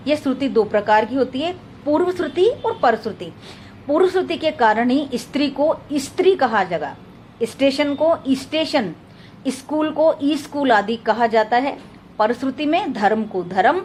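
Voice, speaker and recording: ऊँची आवाज़ में पाठ पढ़ाती महिला. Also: female voice, high voice, a little hiss or hum. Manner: steady, explanatory, slows to spell out word examples. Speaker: teacher. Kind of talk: lecture read from notes.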